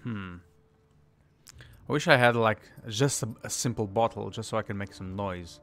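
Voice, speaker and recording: A man's voice: on the low side, normal speed, fairly bright tone. A young man streaming a video game, muttering a play-by-play and swearing in bursts. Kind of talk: gaming commentary.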